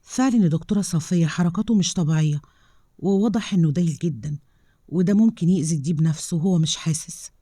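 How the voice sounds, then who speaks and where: A woman's voice: on the low side, fast talker, mellow, no echo, studio quality, close to an everyday voice. A woman doing an earnest, worried male colleague. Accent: Egyptian Arabic.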